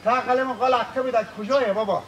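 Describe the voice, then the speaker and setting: A man's voice: very high voice, fairly even intonation, highs cut off, slight background noise. A man with a Gilaki accent playing a gullible village man who is puzzled and pleading in a comedy sketch. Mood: confused. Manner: bewildered, pleading. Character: gullible village man hunting a made-up thing.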